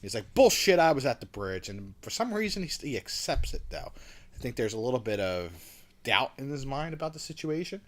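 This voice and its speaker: Male podcast co-host with a mid-pitched voice, relaxed and chatty, animated in his retelling. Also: a little fast. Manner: animated retelling, swears freely. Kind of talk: casual chat.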